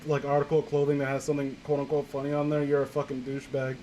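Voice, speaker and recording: A man with a fairly high, monotone, mellow voice reads a horror story aloud at rapid-fire speed, adding comedic commentary, stumbling over words and wandering into tangents. The low-quality recording carries clear background noise.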